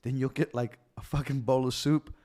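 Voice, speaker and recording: A man's voice: medium pitch, fairly even intonation, normal speed, warm tone. A man co-hosting a podcast, chatting casually in a laid-back way, swearing often and filling his talk with "like" and "right?". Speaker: podcast co-host.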